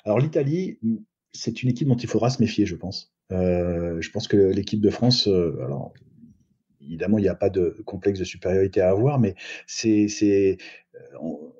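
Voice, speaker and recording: A man's voice: low-pitched, normal speed, dark tone, slightly rough. A middle-aged man as a podcast guest, giving thoughtful rugby analysis with many hesitations and restarts. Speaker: guest sports agent. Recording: muffled lo-fi recording.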